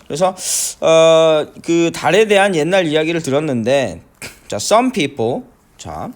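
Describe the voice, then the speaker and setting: A middle-aged man teaching an English listening lesson, breaking down phrases slowly with many fillers and frequent checks that students follow. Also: fairly high pitch, very animated. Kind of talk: classroom lecture explaining pronunciation.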